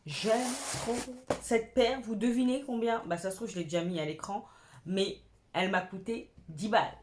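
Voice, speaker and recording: Slight background noise accompanies a young woman's casual haul video, where she eagerly shows clothes she bought secondhand and drops slang as she goes. As a fashion vlogger, she speaks at a moderate pace in a medium-pitched, slightly mellow voice.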